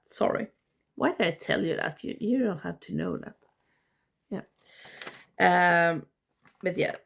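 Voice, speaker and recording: Woman, congested, lowish pitch, gravelly fry, halting casual review, self-interrupting. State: congested, blocked nose. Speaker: video reviewer. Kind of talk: casual ranking review to camera.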